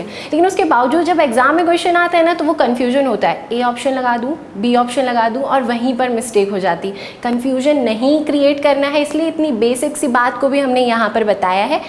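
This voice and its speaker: A woman teacher, giving a patient classroom lecture and answering her own questions. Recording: echoey room with faint rumble.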